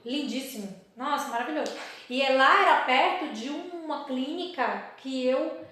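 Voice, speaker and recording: A woman's voice: high-pitched, moderate pace, fairly bright tone. Chatty woman in an echoey room. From Salvador, Bahia, Brazil. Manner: chatty, acts out her own past remarks in quoted lines. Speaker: dentist, interview guest. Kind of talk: casual interview storytelling.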